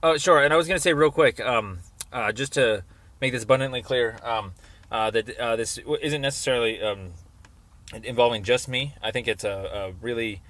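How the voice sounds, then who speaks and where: On a recorded phone call, a man calls in to complain, explaining things informally in a hesitant, rambling way. His voice is medium-pitched and fairly bright, at normal speed.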